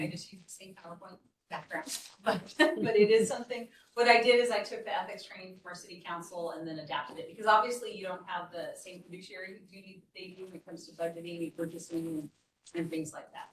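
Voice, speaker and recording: A woman's voice: mid-range voice, quick pace. A woman city staff presenter giving a board training, talking conversationally and explaining with frequent restarts. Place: meeting room. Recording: echoey meeting room, distant mic.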